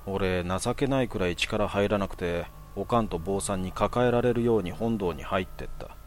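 A young man telling a personal horror story in a hushed, casual way. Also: sits low, moderate pace, slight background noise.

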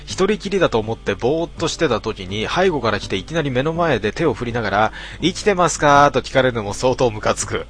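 A man casually reading out listener posts and answering each one with dry, deadpan remarks. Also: mid-range voice, fast talker, few pauses. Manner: deadpan, wry retorts between readings. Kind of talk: casual commentary reading comments.

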